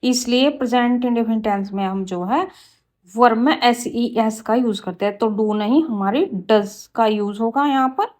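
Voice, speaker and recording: High-voiced woman teaching English grammar. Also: a little mellow. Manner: says each example sentence slowly and deliberately, then explains briskly; addresses viewers as guys and kids. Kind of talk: grammar lesson in Hindi.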